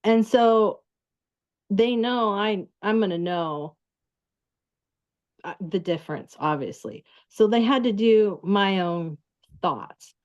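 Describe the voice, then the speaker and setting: A woman talking casually as a guest, halting with many fillers and restarts. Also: mid-range voice, a little mellow, highs cut off. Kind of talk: casual recorded conversation.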